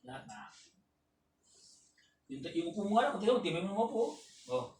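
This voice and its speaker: A Filipino man coaching a patient through exercises, counting reps aloud and shouting cheers. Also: sits high, big pitch swings, moderate pace. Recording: roomy, distant, faint room noise.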